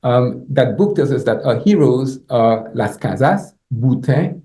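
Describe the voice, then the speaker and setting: This professor is a middle-aged native Haitian Creole speaker with a Haitian accent, guest lecturing in an indoor room with echoey sound. His academic talk is halting, with repeated words and frequent "you know" and "right?" tags, delivered in an expressive, medium-pitched, dark-toned voice.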